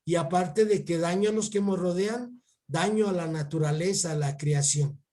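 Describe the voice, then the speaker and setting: A man with a Mexican accent giving a religion lesson to a child, halting and repeating his words as he keeps calling the pupil by name. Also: sits high, mellow. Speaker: catechist teaching a child.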